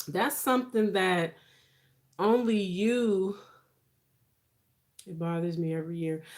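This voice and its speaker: A woman's voice: medium pitch, a little mellow. A woman in her forties hosting a casual livestream, talking to viewers in a reassuring, conversational, advice-giving way. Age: 40s. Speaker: livestream host.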